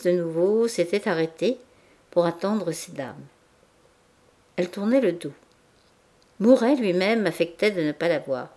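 A woman narrating a classic novel as an audiobook in a measured, even literary reading. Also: fairly low pitch. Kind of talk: scripted narration.

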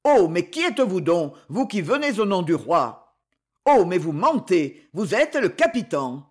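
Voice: medium pitch, sing-song, a little slow. A reader doing a sneering, haughty duke. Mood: panicked. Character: arrogant scornful nobleman duke, sneering.

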